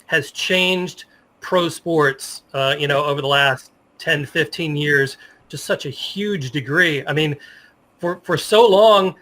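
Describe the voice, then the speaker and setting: A middle-aged American sports journalist, guesting on a casual interview, chats and reminisces through anecdotes. His voice is fairly high, slow, pushed and bright.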